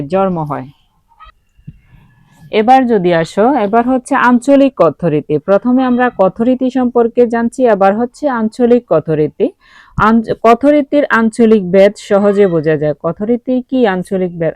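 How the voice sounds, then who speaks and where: Teaching a grammar lesson, this woman from Comilla, Bangladesh, often asks questions only to answer them herself, using many fillers. She has a mid-range, dark-toned voice captured in a dry recording.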